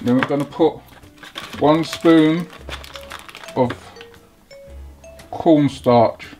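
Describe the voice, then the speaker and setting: Man, home cooking host, slow halting delivery, kitchen, sizzling wok and faint music behind. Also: a little high, dark tone. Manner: slow, halting, talks through each step. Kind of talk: step-by-step cooking demonstration. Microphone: off-camera, hands-only framing.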